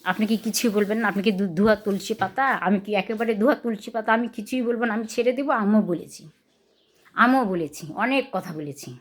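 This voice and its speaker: Talking to viewers in a casual home vlog, a Bangladeshi woman with a Rajshahi Bengali accent recounts a quarrel and keeps asking whether she was the one in the wrong. She sounds aggrieved and repetitive, inviting her audience to judge. Her voice sits on the high side and moves quickly.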